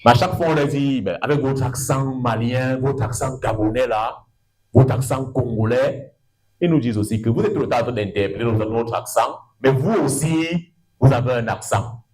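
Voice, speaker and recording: In a lecture room, a middle-aged man with a Cameroonian French accent delivers a university law lecture at a normal pace. He is lively and prone to digressions, drawing out his words and letting his pitch leap upward for emphasis. The recording quality is low.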